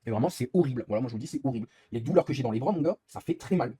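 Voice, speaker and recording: A young man chats on a live stream while playing a racing game, talking at a breakneck pace and swearing freely as he rambles through his complaints. His voice is husky and mellow, and the recording is close and dry. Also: medium pitch, lively intonation, very fast, dry recording. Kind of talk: casual live-stream chat while gaming.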